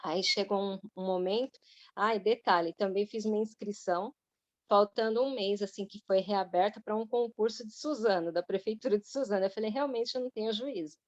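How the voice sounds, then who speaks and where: A woman with a Brazilian Portuguese accent, telling a personal testimony to a church women's group in a lively way, full of reported speech. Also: mid-range voice, moderate pace, dry recording, highs cut off.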